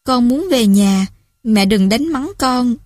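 A woman's voice: a little high, expressive, darkish tone, dry recording, studio quality. Woman voicing a slurring, frightened teen girl. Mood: slurred, frightened. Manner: slurred, halting, pleading. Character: drunk, frightened teenage girl on the phone.

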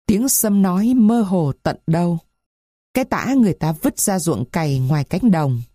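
A woman narrating a story aloud in a slow, somber reading style. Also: fairly low pitch, lively intonation, warm tone, no echo, clean studio sound.

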